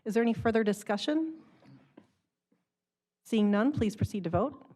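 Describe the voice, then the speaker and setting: A woman chairing a city council meeting, calling motions and votes in a brisk procedural way. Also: fairly high pitch, expressive, warm tone. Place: council chamber.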